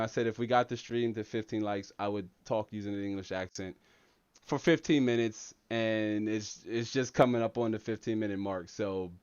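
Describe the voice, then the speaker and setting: An American livestream host doing a hammy mock-London accent, full of mates and chaps. The sound is slightly muffled. The room is dry, with no echo. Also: male voice, mid-range voice, smooth, lightly acted. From United States. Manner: hammy put-on accent with Brit slang. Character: American man faking a London English accent. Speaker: tech channel host.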